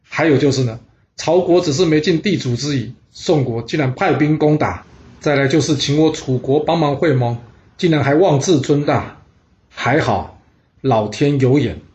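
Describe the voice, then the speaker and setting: A smug, cunning ancient king, as a male storyteller puts him on, mocking and self-satisfied. He speaks at a middle male pitch. The sound is dull and lo-fi. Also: normal speed, darkish tone, natural voice. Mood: accusing. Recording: dull lo-fi recording.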